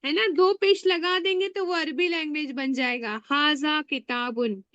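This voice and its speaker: A woman with a high voice teaches beginners in an online class, repeating each word slowly and prompting students to echo it back. The sound is dry and close but dull and lo-fi. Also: steady tone, fairly bright tone. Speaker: Arabic teacher.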